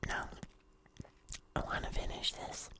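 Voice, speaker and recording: Whispering softly without voicing, right up against the microphone, an ASMR eating-video host talks to the audience in a relaxed, easygoing, chatty way.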